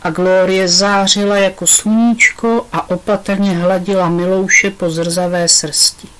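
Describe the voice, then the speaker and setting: A woman's voice: mid-range voice, steady tone, low-quality recording. Woman reading a children's storybook. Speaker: audiobook reader.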